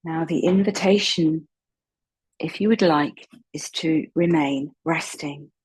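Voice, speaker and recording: A woman with a low, husky, breathy voice leads a slow guided meditation, giving soothing instructions softly and gently. She never rushes and leaves long pauses between them. The audio quality is poor.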